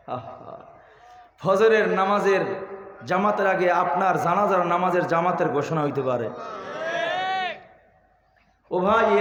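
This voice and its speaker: High-voiced preacher, chanting sermon. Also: male voice. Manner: sing-song chanting, calls out to the audience. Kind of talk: Bengali waz sermon with storytelling. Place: outdoor religious gathering over a PA. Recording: echoey PA in a large venue, muffled.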